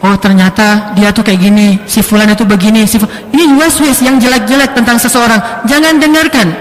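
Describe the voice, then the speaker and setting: A man preaching an Islamic sermon in a lively, teasing way, repeating and listing his points for emphasis. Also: high voice, a little fast. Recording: long hall reverb.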